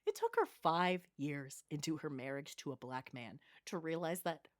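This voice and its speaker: A woman's voice: sits low, normal speed. A woman co-hosting a casual podcast, blunt and teasing, laughing often. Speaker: podcast co-host. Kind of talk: casual chat.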